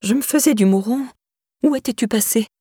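A woman's voice: on the high side, brisk, dark tone, slightly rough, no room sound, voice pushed up. A woman reading an audiobook and voicing a frail, kindly old lady in a lightly raised voice, in a dry, close recording. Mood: fretful. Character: old woman, frail and fretful but kind.

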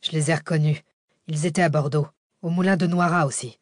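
Figure: tense male getaway driver, read by a woman narrator. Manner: terse, low voice. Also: steady tone, fairly quick, dry recording, clean studio sound. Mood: grim calm.

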